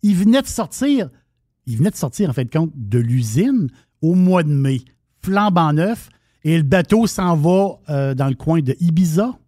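A man's voice: fairly high pitch, expressive, moderate pace, dark tone, no echo, clean studio sound. A man with a Québécois French accent, co-hosting a radio show and telling a story in casual banter with many restarts.

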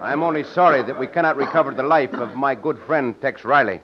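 A man's voice: medium pitch, a little fast, over a noisy crowd, natural voice. A man playing a gallant Mexican cowboy adventurer in an old radio western, speaking with a Mexican accent and formal, courtly theatricality. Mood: accusing, assured. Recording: dull, noisy old radio recording.

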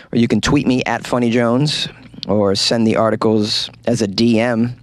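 A man's voice: mid-range voice, no echo, studio quality. A man hosting a casual comedy podcast about odd news, rambling in a wry, self-deprecating way, recorded in a small closet. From New England. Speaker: podcast host.

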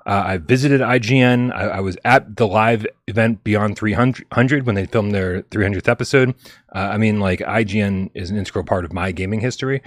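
A man in his thirties with a fairly low voice hosts a relaxed gaming live stream. He jokes around, stumbles and restarts sentences as he reads out chat tips. The sound is dry and close. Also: a little fast, dry recording. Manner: laid-back, jokey, stumbles and restarts. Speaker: podcast host.

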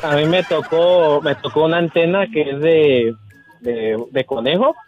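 A man's voice: on the high side, unhurried, muffled recording, faint music behind. A man, co-hosting a radio show, joking and blunt in casual banter. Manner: joking, blunt, loose storytelling. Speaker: radio co-host.

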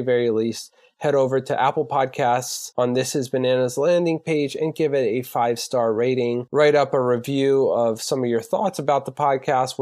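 A man with a raspy voice from a sore throat, hosting a podcast and reading intros and plugs in a casual way. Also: mid-range voice, a little mellow, no echo, clean studio sound. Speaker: podcast host. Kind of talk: scripted podcast intro and sponsor read, casual address to listeners.

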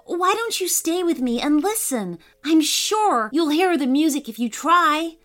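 A woman's voice: sits high, expressive, unhurried, a bit bright, voice pushed up. A woman voicing a cheerful, dreamy little girl who earnestly insists the stars sing. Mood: dreamy, insistent.

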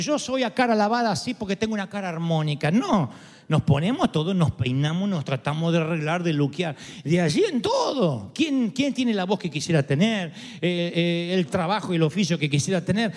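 A high-pitched male preacher delivers a sermon full of humor and rhetorical questions. His pitch leaps up and down with animation. The long echo of a large church hall trails after every phrase. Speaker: pastor.

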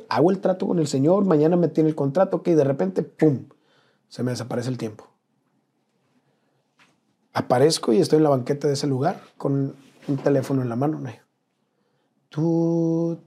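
Man, interview guest, earnest personal storytelling, dark husky tone. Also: on the high side, a little fast. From Mexico. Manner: earnest, slangy, drops to a hush at painful moments.

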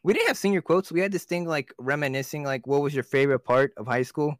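A man's voice: fairly high pitch, fast, slight background noise. A young man co-hosting a casual podcast chat, telling rambling stories with lots of swearing and laughter. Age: young adult. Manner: rambling storyteller, swears a lot, laughs often. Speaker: podcast co-host.

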